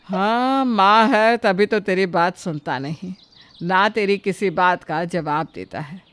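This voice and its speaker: A woman's voice: mid-range voice, slow, fairly bright tone, clear, resonant tone. Woman voicing a blunt, outspoken old neighbor. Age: older. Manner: outspoken, advice-giving. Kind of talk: cartoon story voice acting.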